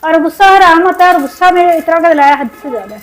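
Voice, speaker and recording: A woman from Pakistan chatting in a cooking vlog, upset and venting, her throat sore from shouting. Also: very high-pitched, fast talker, poor audio. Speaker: cooking vlogger. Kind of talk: casual cooking vlog chat.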